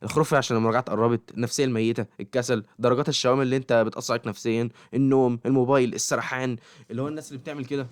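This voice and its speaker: A man's voice: mid-range voice, steady tone, rapid-fire, no echo, studio quality. A man with an Egyptian Arabic accent giving casual study advice straight to camera, often checking that the listener follows him. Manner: keeps checking in with the listener, talks straight at them.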